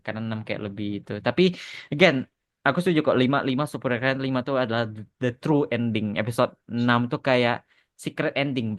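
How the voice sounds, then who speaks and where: An Indonesian man, a content creator and podcast host, leads a casual podcast chat and drops English phrases into his speech. His voice is mid-range, with no echo.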